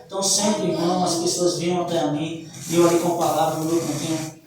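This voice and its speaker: A man's voice: a little high, level tone, fast, far from the mic. A Brazilian man gives a fervent church testimony, often turning to his listeners as brothers. His voice rings through a very reverberant hall, caught from well back from the mic, with a faint hiss of noise underneath. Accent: Brazilian Portuguese. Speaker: church member giving testimony.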